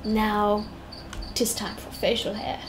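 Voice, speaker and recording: Mid-range in pitch and slow in pace, a young South African woman speaks English with a blend of British and American-tinged tones. The live-streaming digital artist rambles chattily and hums while she draws, thinking out loud. There's steady noise behind her, along with crickets.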